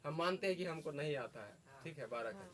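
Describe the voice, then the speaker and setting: A man's voice: a little high, lively intonation, brisk, fairly bright tone. A man teaching a class, asking the students questions and repeating their answers. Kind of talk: classroom lesson. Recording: faint background noise.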